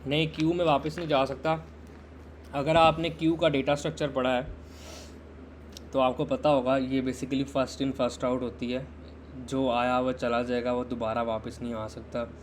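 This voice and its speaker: Male tech instructor for a live lesson. Conversational and steady with little pitch movement. Keeps putting questions to the viewers. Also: a little slow, slight background noise. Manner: conversational, quizzes viewers and waits for chat answers. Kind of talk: live-streamed system design lesson.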